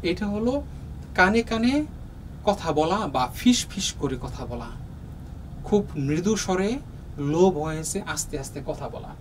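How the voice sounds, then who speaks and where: Explaining a lesson to young students, this Bangladeshi teacher speaks with a Bangladeshi Bengali accent in a high, sing-song voice, slow and patient with lots of pauses and fillers. The low-quality recording picks him up from a distant mic, with faint room noise.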